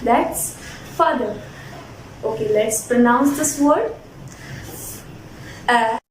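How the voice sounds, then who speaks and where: A woman teaching a children's phonics lesson, sounding words out deliberately and prompting the listener to repeat. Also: fairly high pitch. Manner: deliberate spelled-out enunciation, sounding words out for repetition. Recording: roomy echo, distant mic, faint noise.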